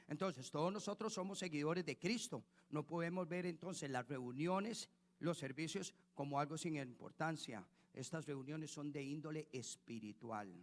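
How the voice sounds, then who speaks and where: A pastor preaching a sermon in a church, repeating phrases and asking the congregation questions. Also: male voice, on the high side, creaky, big-room sound. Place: church hall.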